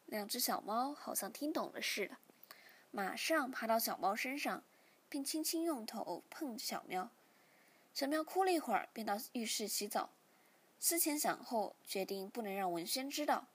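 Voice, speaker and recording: A woman reading a story aloud, in steady, plain narration with a breathy voice. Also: a little high, normal speed.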